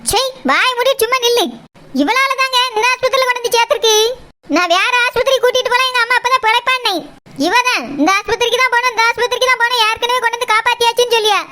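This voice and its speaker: A very high, bright cartoon voice for a fierce middle-aged housewife, as a woman acts her out. She is sharp-tongued and bossy and snaps orders. The delivery is shrill and cutting. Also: steady tone, very fast. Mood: scolding. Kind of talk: cartoon voice acting.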